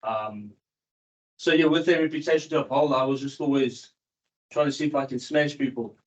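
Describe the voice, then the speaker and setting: A former professional cricketer turned cricket coach, born in South Africa and moved to New Zealand in his early teens, gives a seminar talk in a medium-pitched voice. He speaks candidly and informally but haltingly and repetitively, and the recording sounds dull and muffled.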